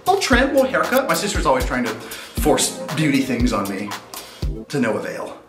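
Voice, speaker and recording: A male paranormal vlogger chats casually in an excitable, rambling, jokey way. His pitch swings widely from line to line. The sound is roomy, with loud music behind him. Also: normal speed. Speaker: host of a paranormal investigation vlog. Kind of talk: casual chat with comedic bits.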